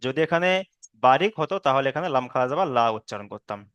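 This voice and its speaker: A man teaching Quran recitation rules in a patient online lesson, explaining slowly, checking in with students, and drawing out chanted examples. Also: medium pitch, expressive, a bit bright, dry recording, dull audio. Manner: drawn-out chanted Arabic examples.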